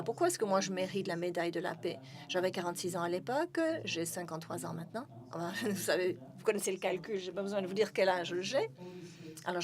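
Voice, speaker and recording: A woman giving live interpretation of a speech, with frequent hesitations and self-corrections. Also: mid-range voice. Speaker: simultaneous interpreter.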